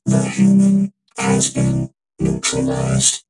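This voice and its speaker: Robot voice: a cold android, very deep and gravelly, slow commands. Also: completely flat delivery, faint music behind. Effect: robot voice filter.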